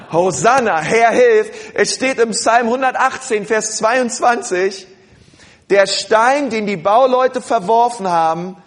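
High-voiced German-speaking preacher. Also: male voice. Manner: addresses congregation directly, calls for responses; shifts into quiet prayerful tone at times. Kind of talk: sermon.

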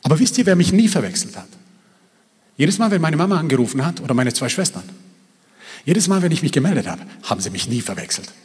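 A man's voice: fairly high pitch, sing-song, quick pace, a little mellow, breathy edge. A man from Croatia and Bosnia preaching a sermon in a church hall, with an emphatic, repetitive cadence that builds in intensity. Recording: long reverb of a large hall.

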